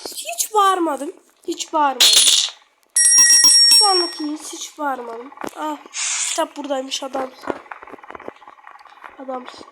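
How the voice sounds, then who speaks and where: Casting: high-pitched, unhurried woman gamer, blurting slangy reactions over loud background noise. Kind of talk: casual gameplay commentary.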